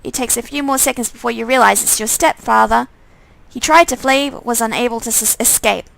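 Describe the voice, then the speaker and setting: A woman's voice: on the high side, a little fast, vocal fry, fairly bright tone, no echo, rough recording. A woman reading a visual novel aloud on a stream, narrating in the second person with small slips. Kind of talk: reading game text aloud.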